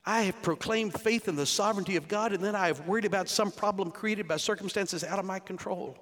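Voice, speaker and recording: A man's voice: high voice, a little fast, a bit bright. A man in his sixties, a pastor preaching a conversational sermon with rhetorical questions to his congregation in a church. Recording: long hall reverb.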